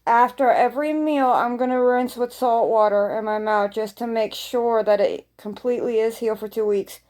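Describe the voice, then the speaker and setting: Casting: female vlogger, higher-pitched soft-edged mellow voice, informal rambling delivery with repeated phrases. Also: fairly even intonation, moderate pace. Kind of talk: casual chat to viewers.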